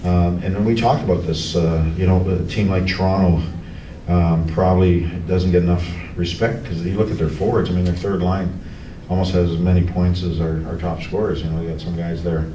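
Low flat-voiced coach in an echoey press room. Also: male voice. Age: middle-aged. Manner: halting, many restarts and fillers. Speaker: hockey coach. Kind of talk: post-game press conference. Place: press room in front of a team backdrop. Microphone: table mic on a stand, heard from a camera farther off. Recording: echoey room, distant camera, background noise.

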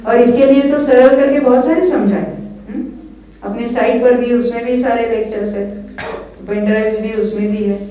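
An older woman teaching scripture gives an earnest, encouraging lecture at a religious study camp, often checking in with her listeners. Her voice is a little high and dark in tone, with fairly even intonation and a moderate pace, recorded far from the mic in an echoey hall.

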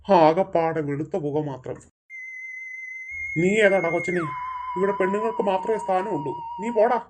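A woman doing a deep, gloating graveyard demon. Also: background noise, close to an everyday voice. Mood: menacing. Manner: gloating, slow and mocking with laughs. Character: menacing male graveyard demon who snatches women. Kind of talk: home-made family skit.

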